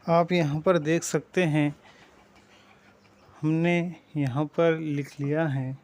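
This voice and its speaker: Slow, patient man teaching vowels. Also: a little high, steady tone, a little mellow. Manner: patient, drawn-out vowel demonstrations. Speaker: language teacher. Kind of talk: slow spoken language lesson.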